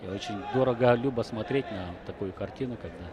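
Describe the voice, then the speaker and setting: A man's voice: medium pitch, quick pace, crowd noise. A man giving conversational live wrestling commentary, thinking through the bout as he talks. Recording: noisy sports hall broadcast. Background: loud arena noise.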